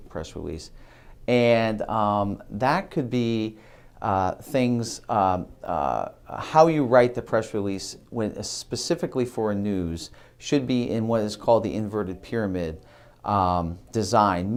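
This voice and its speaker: Man, middle-aged, lowish voice, instructional video lecture, halting delivery, frequent ums and uhs. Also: a little mellow, smooth. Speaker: marketing instructor.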